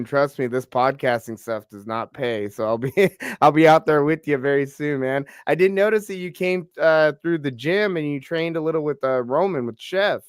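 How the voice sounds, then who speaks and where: This is a casual interview chat on a combat-sports podcast, hosted by a young man from the Pacific Northwest, US, whose voice is fairly high and clean. He's laid-back, somewhat stuffy from a cold, and says "bro" with lots of fillers. The recording is dry and studio quality.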